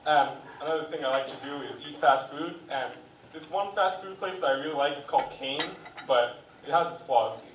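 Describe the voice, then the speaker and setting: A young man is doing stand-up on a club stage, with a slightly high voice. He tells his stories in a chatty way and acts out the people in them. The sound is roomy and picked up from a distance, with faint noise behind it. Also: normal speed, fairly bright tone. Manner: chatty storytelling with acted quotes. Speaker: stand-up comic. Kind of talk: stand-up comedy set.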